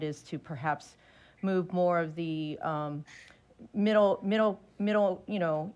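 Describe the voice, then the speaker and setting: A woman commissioner thinking aloud in a public meeting debate over a video call, hesitant and full of fillers. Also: lowish voice. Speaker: redistricting commissioner.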